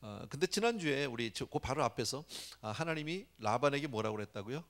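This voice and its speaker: A man's voice: medium pitch, animated, a little fast, a bit bright. A male pastor giving a conversational sermon at a church prayer meeting, often dropping "yes" between phrases.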